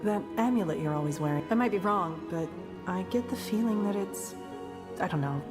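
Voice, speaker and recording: Hesitant, low-voiced woman soldier, acted by a woman. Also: expressive, brisk, close to an everyday voice. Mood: shy, curious. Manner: hesitant, conversational, self-deprecating. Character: friendly, awkward young woman soldier confiding in her general. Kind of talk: video game dialogue acting. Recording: clear game music behind the voice.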